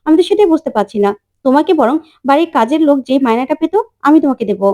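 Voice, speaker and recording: A bold young daughter-in-law who answers back with teasing retorts, read out by a woman. Her voice sits high and quick. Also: expressive, dark tone. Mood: retorting.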